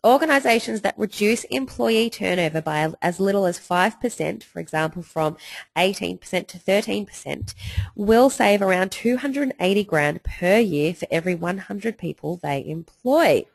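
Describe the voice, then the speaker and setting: A woman with a hoarse, croaky frog-in-the-throat voice, presenting a scripted webinar as its host. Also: medium pitch, animated, normal speed, no echo, low-quality recording. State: hoarse from being unwell.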